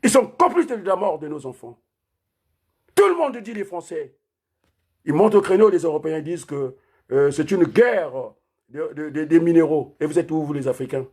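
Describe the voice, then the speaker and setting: A man delivering an impassioned political rant, firing off rhetorical questions and repeatedly raising his voice almost to a shout. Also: fairly high pitch, expressive, normal speed, slightly rough. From Republic of the Congo. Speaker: political commentator.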